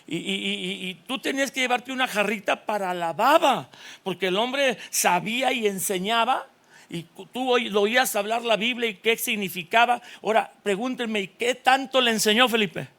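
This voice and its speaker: A Mexican man in his sixties, a pastor giving a lively, joking sermon at a church conference, full of stories. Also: high-pitched, moderate pace. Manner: animated, storytelling, jokes with the audience.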